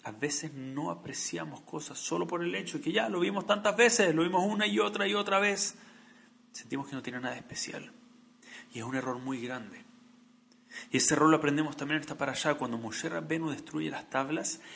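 Guy preaching a torah sermon, bright edgy voice, gets loud then goes quiet. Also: a little high, fairly quick, creaky. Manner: earnest, builds to emphatic peaks then drops to soft. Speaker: rabbi.

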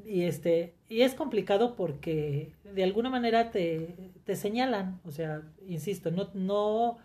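A woman's voice: medium pitch, lively intonation, dark tone. A middle-aged woman, reflecting candidly in conversation, often restarting her sentences. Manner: reflective, speaks in halting restarts. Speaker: guest sharing her story.

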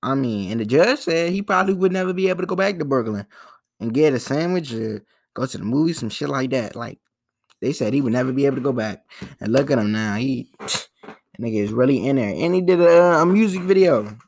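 Young man, gravelly voice, casual profane podcast rant, rambling with restarts. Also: medium pitch, animated, brisk, a little mellow. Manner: loose, rambling and profane, with frequent restarts and slang. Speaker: podcast host. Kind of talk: casual solo podcast commentary.

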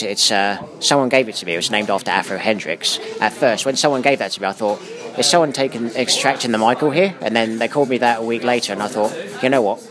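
A man, a musician, chatting in a relaxed, friendly way at a pub venue. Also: lowish voice. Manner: relaxed, friendly, "you know". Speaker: musician guest. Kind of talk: casual interview. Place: live room of a pub venue.

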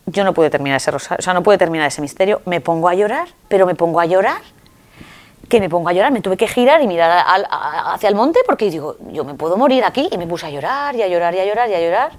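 A woman telling a personal story in an interview, expressive and acting out dialogue. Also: fast. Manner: expressive, acts out dialogue with sudden pitch jumps. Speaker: interviewee sharing a personal testimony. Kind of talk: animated storytelling.

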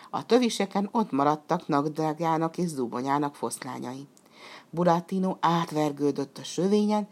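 A woman narrating a children's story aloud, expressive and at times dropping to a hushed whisper for suspense. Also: deep voice. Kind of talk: storybook reading.

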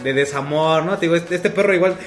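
A man's voice: a little high, fast talker. A young man with a Mexican accent rambling casually, tagging his sentences with questions. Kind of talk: casual chat. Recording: roomy sound with faint music behind.

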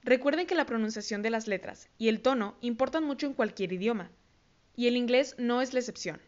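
A woman hosting a scripted podcast lesson, slowly and carefully repeating words for listeners to copy. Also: fairly high pitch, dull audio. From Mexico. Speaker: English teacher host of a podcast.

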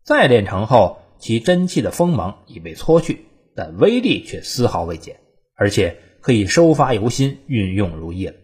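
Man narrating, lively swooping pitch. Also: normal speed, husky. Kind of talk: scripted countdown narration.

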